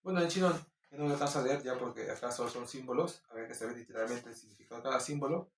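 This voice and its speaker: A man with a Peruvian Spanish accent, slowly reading Bible verses and commenting on them informally, with halting restarts. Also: mid-range voice, slight background noise. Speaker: Bible teacher. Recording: roomy echo, distant mic.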